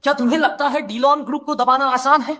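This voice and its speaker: A man's voice: extremely high pitch, steady tone, quick pace, noisy background. A man voicing an arrogant young corporate heir who speaks defiantly in a dubbed drama.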